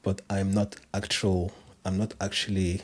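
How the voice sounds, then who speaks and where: His voice sits low with little pitch movement, and he speaks unhurriedly. This personal trainer in his thirties, French-accented and from France and other countries, is a relaxed guest in a casual podcast interview who often restarts and uses lots of fillers.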